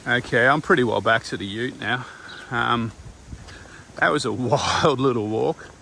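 A man's voice: mid-range voice, measured pace, pushed and bright. An older man around his sixties with an Australian accent chats casually and colloquially as he records a walking vlog. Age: older, around 60s. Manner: laid-back, rambling, colloquial. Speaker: vlogger. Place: outdoors on a windy coastal walking path. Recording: clear wind and outdoor ambient noise.

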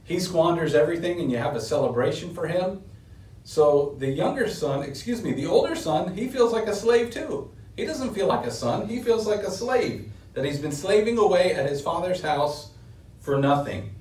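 A middle-aged man preaches earnestly from a lectern in a small indoor room, speaking at a moderate pace in an expressive, slightly mellow voice. As he emphasizes key points, his pitch and force rise. He sits far from the mic, which picks up a roomy echo.

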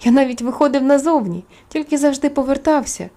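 A woman voicing a loving young man who speaks slowly, tenderly and reassuringly in an audio fairy tale. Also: sits high, warm tone, voice pushed up.

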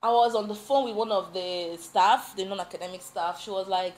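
A young woman telling a story in casual chat, animated and laughing often. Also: mid-range voice, fairly quick, roomy sound, slight background noise. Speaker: vlogger.

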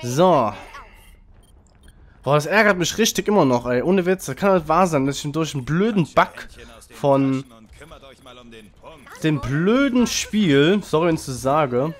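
A man commentating his own online shooter match, frantic and loud, urging his team on and cursing opponents. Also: on the high side, expressive, unhurried, long pauses. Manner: frantic, urging teammates, swearing at enemies. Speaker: gaming channel host. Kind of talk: excited live game commentary.

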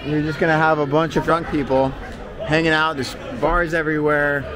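A man's voice: on the high side, level tone, moderate pace. A man talking casually as a travel vlogger, walking city streets and pubs with a handheld camera. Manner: casual, chatty, slangy. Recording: street crowd and music behind.

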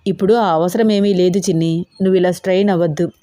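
A woman's voice: lowish voice, fairly even intonation, fast, warm tone, no room sound, close to an everyday voice. A woman voicing a young man, a busy company boss who answers in curt, teasing lines. The recording is dry and close. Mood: brisk teasing.

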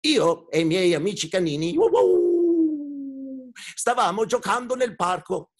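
A man doing Alberto, a high barking storybook dog. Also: very animated, slow pace, husky, exaggerated voice. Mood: wistful. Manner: barks "wow, wow" between every few words. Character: wise gentle male dog, mute in a painting. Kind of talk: storytelling performance for children.

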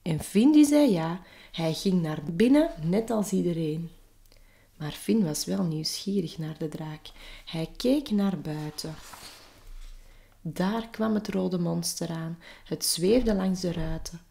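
A woman teacher reading a picture book aloud to children, in expressive storytelling. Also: fairly low pitch, slow pace, creaky.

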